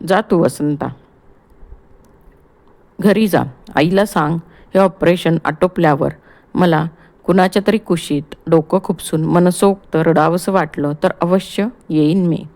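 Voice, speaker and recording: A woman's voice: on the low side, a little mellow. A woman voicing a bitter, distraught young wife in an audiobook play reading, speaking curtly. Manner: curt and bitter.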